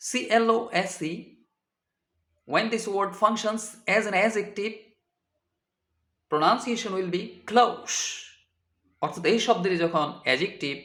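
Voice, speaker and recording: A man teaches English vocabulary at a very slow, careful pace, spelling each word out letter by letter. His voice sits high and moves a lot in pitch. The recording has a noticeable echo from the room. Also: a bit bright. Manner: spells words letter by letter and translates each line. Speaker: English tutor. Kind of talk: slow deliberate vocabulary lesson.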